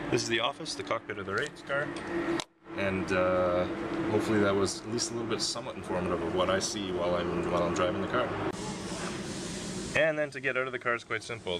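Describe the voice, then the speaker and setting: A young man, a race car driver, casually showing the controls of his car from the driver's seat, with many fillers. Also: fairly low pitch. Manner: relaxed, explaining with many fillers. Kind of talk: casual walkthrough vlog. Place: race car cockpit, outdoors. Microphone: handheld camera held close. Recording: noisy outdoor camera audio.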